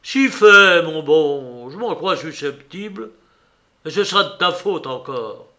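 A man voicing a mocking, relentless blackmailer who jeers and presses his demands loudly. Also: on the high side, animated, slow pace, full character voice. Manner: raised, jeering, emphatic.

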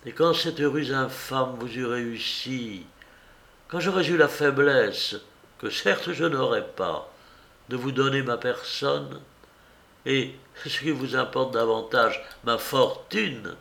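A man reading a novel aloud voices a proud young woman who hurls bitter, vehement accusations, slowly and with a creaky grain. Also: mid-range voice, a bit bright. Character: proud, scornful young woman, furious heiress.

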